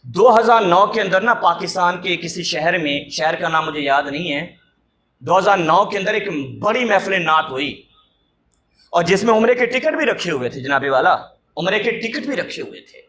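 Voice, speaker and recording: A man telling a sermon story in an impassioned way, often rising to a shout. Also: high voice, animated, echoey room. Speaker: preacher.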